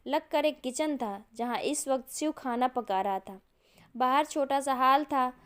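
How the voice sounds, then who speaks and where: A woman storyteller reading a bedtime story in an even, measured way. Her voice is high and smooth, very clear throughout. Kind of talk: storybook narration.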